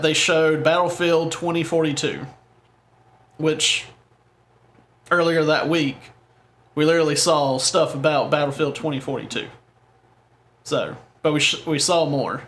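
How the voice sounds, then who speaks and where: A man's voice: fairly high pitch, a little slow, long pauses, fairly bright tone. A man co-hosting a gaming podcast in casual chat, rambling and correcting himself as he goes. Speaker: podcast co-host.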